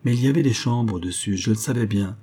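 A man reading a literary travel story as an audiobook narrator, in a measured storytelling manner. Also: fairly low pitch, dark tone, slightly rough.

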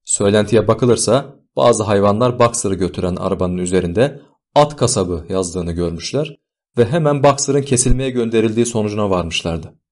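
Male audiobook reader, low-pitched, measured scripted narration. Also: darkish tone.

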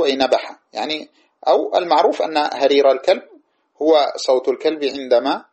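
Guy teaching old grammar text, husky voice, reads lines slow then explains. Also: mid-range voice, a little mellow. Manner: reads verses slowly then explains in plain talk, checking understanding. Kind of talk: classical text lesson.

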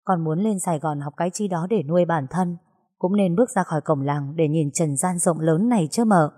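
A woman voicing a calm young village woman. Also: on the low side, fairly quick, breathy edge, long reverb tail. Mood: light teasing. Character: young woman, once unruly, now calm.

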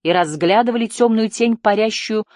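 A woman narrating a children's adventure novel chapter in a measured, expressive reading. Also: medium pitch, no echo, studio quality. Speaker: audiobook narrator. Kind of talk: scripted narration.

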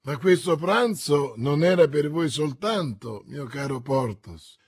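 A refined and fastidious young musketeer with a polite, pious air, as a male reader puts him on. His slightly high, husky voice fits a storybook reading. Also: lively intonation, exaggerated voice.

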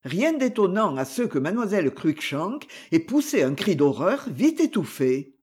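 Un homme qui lit un roman à voix haute, une narration écrite et expressive à la première personne. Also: male voice, high voice, moderate pace, slightly rough. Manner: expressive first-person reading. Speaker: audiobook reader. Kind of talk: scripted narration.

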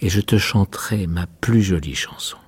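A man's voice: low-pitched, normal speed, slightly rough. A man voicing a small lovesick nightingale, earnest and imploring, as he reads a tale aloud. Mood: pleading.

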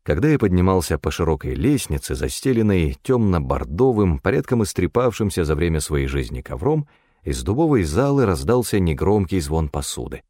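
A man narrating a first-person audiobook in a wry, expressive storytelling manner. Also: low-pitched, normal speed, no room sound, clean studio sound.

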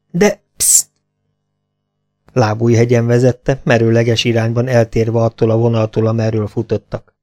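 A man reads a novel aloud in a steady, even storytelling voice at an average pitch for a man. Soft music plays faintly underneath. The delivery is plain and unhurried. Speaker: audiobook reader. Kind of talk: audiobook narration.

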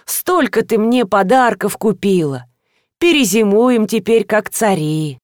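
A woman voicing a kind, frail elderly village schoolteacher, speaking slowly and softly in a low voice. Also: expressive, no echo, clean studio sound, lightly acted. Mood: grateful.

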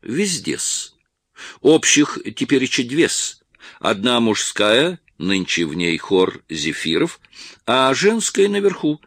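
A man's voice: medium pitch, sing-song, slow pace, a bit bright, no echo, clean studio sound, pitched above the performer's own voice, full character voice. A man voicing an obsequious, servile theatre actor who ends his words with a fawning '-s'.

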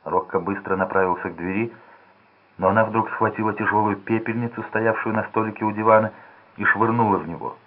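A man steadily narrating a story aloud in a tinny lo-fi recording. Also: fairly low pitch. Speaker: audiobook narrator. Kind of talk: scripted narration. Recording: tinny phone-like lo-fi sound.

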